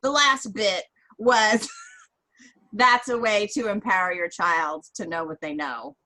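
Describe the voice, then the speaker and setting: A woman's voice: mid-range voice, takes it slowly, pushed and bright, low-quality recording. A woman co-hosting a casual podcast, summing up points and giving parenting advice. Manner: sums up points and gives advice. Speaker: co-host.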